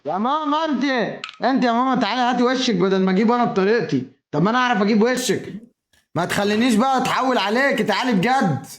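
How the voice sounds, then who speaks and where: Teasing Egyptian streamer, high and quick. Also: male voice, reverberant, a little hiss or hum. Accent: Egyptian Arabic. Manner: teasing and goading, sometimes shouting. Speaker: streamer running a prank on a live video call. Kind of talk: live-stream prank banter.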